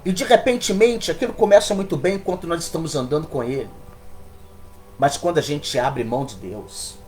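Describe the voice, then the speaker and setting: A male pastor, preaching a sermon as a lively storyteller in a church. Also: on the high side, fairly quick, soft background music.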